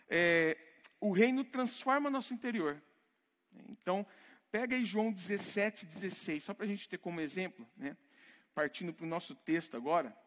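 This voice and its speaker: A man from Brazil with a Brazilian Portuguese accent, preaching a conversational sermon and often checking in with his congregation. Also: high voice. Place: church hall. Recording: long church-hall reverb.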